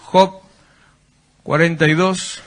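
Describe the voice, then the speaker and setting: Guy preaching, high voice, keeps asking the congregation stuff. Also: little pitch movement, slow. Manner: preaching with rhetorical questions to the congregation. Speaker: pastor. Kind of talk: sermon. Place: church.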